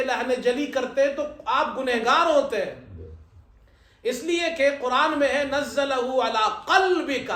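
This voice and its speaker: A man preaching a sermon as imam, telling light humorous stories and reciting scripture slowly. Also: very high voice, fairly bright tone. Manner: humorous storytelling, slow chanted Arabic recitation. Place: event hall at a ceremony. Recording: echoey hall.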